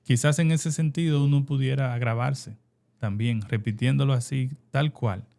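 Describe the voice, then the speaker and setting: A man's voice: medium pitch, steady tone, normal speed, vocal fry, mellow. A man with a Dominican Spanish accent, co-hosting an educational podcast, agreeing and then adding his own points. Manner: agreeable, adds points after brief affirmations. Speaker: co-host.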